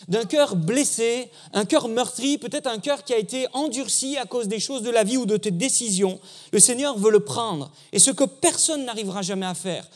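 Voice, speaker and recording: A man's voice: high-pitched, darkish tone. A man preaching a sermon in a church, earnest and telling a story to the congregation.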